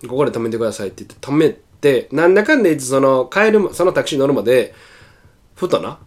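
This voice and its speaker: A man with a Kansai accent telling funny stories in casual chat as a radio host, animated and laughing often. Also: medium pitch, fast. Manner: animated storyteller, bursts into laughter.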